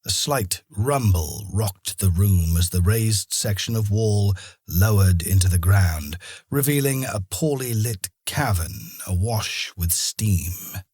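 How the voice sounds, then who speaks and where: A man narrating a fantasy audiobook in a steady storytelling manner. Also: on the low side, slow pace, husky, no echo, studio quality. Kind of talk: scripted narration.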